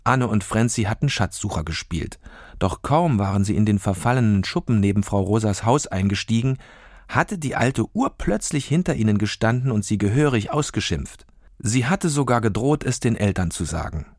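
Man, children's story narrator, calm, low voice, dry close sound. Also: normal speed, no room sound. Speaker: audiobook narrator.

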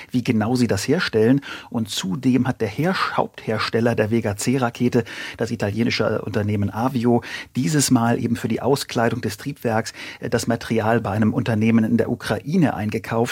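A man's voice: medium pitch, darkish tone, husky, no room sound. A man reporting as a radio science correspondent, explaining the matter fluently with a few small restarts.

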